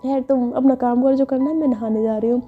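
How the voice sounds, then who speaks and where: A woman's voice: high-pitched, fairly even intonation, fast talker, narrow, tinny audio, faint music behind, natural voice. A woman doing Simran, teasing young wife. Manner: teasing, dismissive, mock-stern. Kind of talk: storytelling with acted dialogue.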